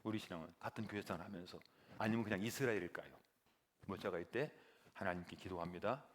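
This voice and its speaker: A man preaching a sermon as pastor, animated and building to loud emphatic peaks. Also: low-pitched, fast talker, a little hiss or hum.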